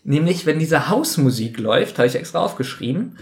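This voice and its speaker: A man's voice: fairly high pitch, big pitch swings, a little fast. A man co-hosting a casual podcast, picking over details of an episode with some hesitation. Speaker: podcast co-host. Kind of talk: casual chat recapping an audio drama.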